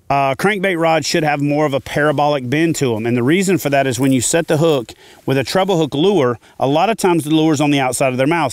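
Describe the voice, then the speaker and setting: A man's voice: mid-range voice, no echo. Middle-aged guy explaining fishing rods, sure of himself, dry close sound. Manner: confident, plain-spoken advice. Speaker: fishing channel host. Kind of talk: instructional talk to camera. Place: outdoors, seated in a kayak on a lake.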